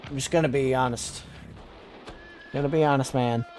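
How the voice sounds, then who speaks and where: A man's voice: mid-range voice, steady tone, normal speed, a little mellow, soft background music. A man streaming a strategy game and chatting casually, joking and self-deprecating as he plays. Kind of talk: casual gameplay commentary.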